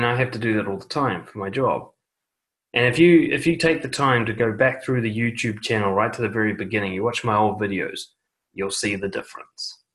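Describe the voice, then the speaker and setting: A man coaching viewers on confident speaking in a measured, deliberate advice monologue, often pausing on a quiet "okay" and repeating words for emphasis. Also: medium pitch, low-quality recording. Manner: measured, deliberate delivery with frequent "okay" asides. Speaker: YouTube dating and confidence coach. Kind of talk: direct-to-camera advice monologue. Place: seated indoors recording a video.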